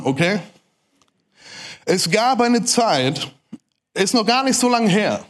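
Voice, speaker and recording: A high-voiced man with a German accent preaches to a crowd at a quick clip. He talks to his listeners directly, tossing them questions as he goes. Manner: fast-talking, addresses the audience directly. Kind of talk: lively sermon talk to a crowd.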